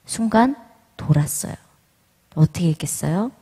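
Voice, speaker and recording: A middle-aged woman giving a church testimony, telling her story with lively storytelling and acting out the lines. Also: on the low side, moderate pace, slightly rough. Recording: reverberant hall.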